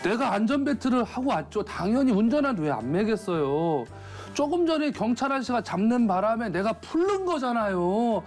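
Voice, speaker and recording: A man's voice: extremely high pitch, big pitch swings, brisk, few pauses, a little mellow, soft background music, pitched above the performer's own voice. A man voicing a brash, lying middle-aged husband who bristles and blusters as a joke is told. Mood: indignant. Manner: indignant, blustering protests.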